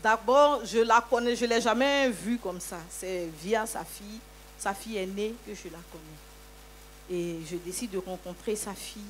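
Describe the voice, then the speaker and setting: A woman giving a lively church testimony, telling her story with many hallelujahs. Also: medium pitch, moderate pace, a little hiss or hum.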